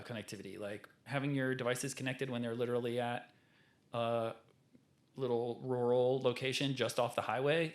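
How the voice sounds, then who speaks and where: A man hosting a podcast in casual chat, easygoing and joking. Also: mid-range voice. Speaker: podcast host. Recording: roomy podcast audio.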